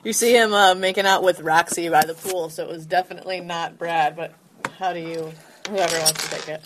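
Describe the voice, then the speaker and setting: A woman narrating as game master of a tabletop game, pausing often with fillers. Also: lowish voice, steady tone, background noise. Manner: hesitant, many fillers, laughs at own narration.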